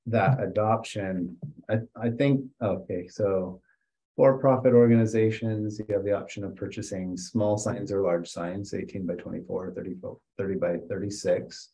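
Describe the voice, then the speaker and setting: Low, mellow-voiced man at a meeting. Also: poor audio. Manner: halting, with frequent fillers. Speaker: committee member. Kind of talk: meeting discussion, reading a document aloud.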